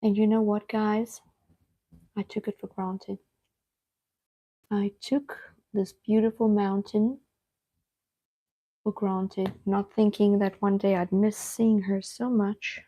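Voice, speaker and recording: A woman's voice: mid-range voice, little pitch movement, warm tone. A middle-aged woman from Cape Town, chatting to viewers while painting on a live stream. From Cape Town, South Africa. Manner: chatty, speaks straight to viewers, unhurried. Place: home art studio.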